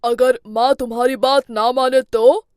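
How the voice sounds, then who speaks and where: Cartoon role: reproachful young husband, a woman doing him, high and dry. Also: fairly even intonation, unhurried, a little mellow, dry recording. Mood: firm. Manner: firm, reproachful. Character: young husband who backs his mother. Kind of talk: cartoon storybook voice acting.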